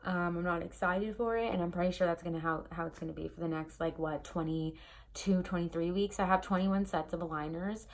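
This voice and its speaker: A woman's voice: fairly low pitch, steady tone, fairly quick. Chatty young woman vlogging with a slight lisp. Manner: chatty, rambling, many ums and likes. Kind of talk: casual chat to camera. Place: her bedroom.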